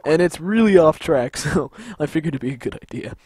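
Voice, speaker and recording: Chatty let's-play gamer, man, slightly high, lively delivery, laughs easily. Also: brisk, slight background noise. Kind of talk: casual let's-play commentary.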